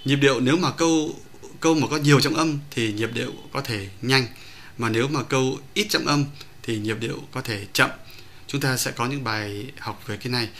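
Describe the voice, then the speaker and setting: A man lecturing as a pronunciation teacher, explaining point by point in a measured way with occasional hesitations. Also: mid-range voice, a bit bright, slight background noise.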